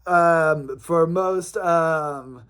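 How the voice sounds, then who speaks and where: A man's voice: fairly high pitch, drawn-out words, a bit bright, smooth. A man hosting a casual livestream roundup of a game league, rambling and joking with many ums and uhs.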